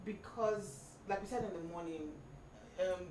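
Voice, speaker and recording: A woman's voice: fairly low pitch, measured pace, darkish tone. A woman hosting a faith-based discussion, reflective and affirming, sharing personal experience. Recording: distant echoey room with background noise.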